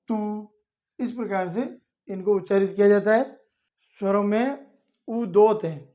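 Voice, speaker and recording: Slow, patient male Hindi reading teacher. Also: sits high, a little mellow. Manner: spells out syllables slowly and repeats them. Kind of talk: slow instructional lesson. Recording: dull lo-fi audio.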